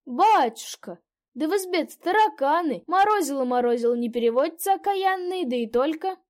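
A woman's voice: sits high, animated, a little mellow, pitched above the performer's own voice. A woman reading a story aloud, voicing a fussy, gossiping old peasant innkeeper woman. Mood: grumbling. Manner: fussy, fawning, quick to exclaim. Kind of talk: audiobook character voice.

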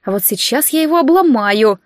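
A young woman reading a first-person story aloud with a lively, ironic touch. Her voice sits fairly high, and the recording is dry and close, with no room echo. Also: a little fast. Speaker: audiobook narrator. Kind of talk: first-person audiobook narration.

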